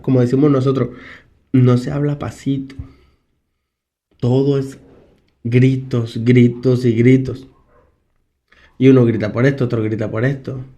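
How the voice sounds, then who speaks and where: A man's voice: medium pitch, dark tone. A man, a psychologist, giving a casual talk on family life, speaking conversationally, putting questions to his listeners and chuckling now and then. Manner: conversational, asks the audience questions, chuckles often. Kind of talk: casual motivational talk to an audience.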